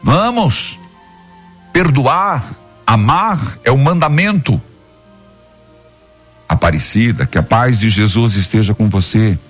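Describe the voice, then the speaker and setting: A man, a priest hosting a live radio program, preaching to listeners with fervent, scolding exhortations in a husky voice. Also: medium pitch, expressive, slow pace, long pauses, soft background music.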